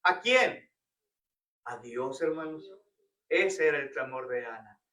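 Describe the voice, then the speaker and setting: A man's voice: mid-range voice, animated, slow pace, pushed and bright. A man leading a church Bible study, asking the congregation questions and calling them "brothers" often. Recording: roomy church hall, picked up from a distance.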